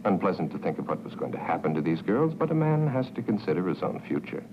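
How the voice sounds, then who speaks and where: A man giving slow, ominous scripted narration for an old film. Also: deep voice, big pitch swings, noisy background. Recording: dull old film soundtrack with music.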